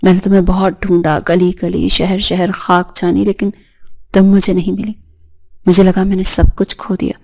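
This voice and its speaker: A woman's voice: lowish voice, flat delivery, vocal fry, dark tone. A woman reading as a remorseful pleading husband. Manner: pleading, choked. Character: remorseful grown man, pleading husband and father.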